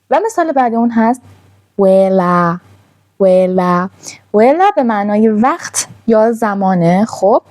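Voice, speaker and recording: A woman gives an online language lesson to beginners. Her voice is mellow and warm. She draws out each sound she demonstrates with patient care. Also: a little high. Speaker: Thai language teacher.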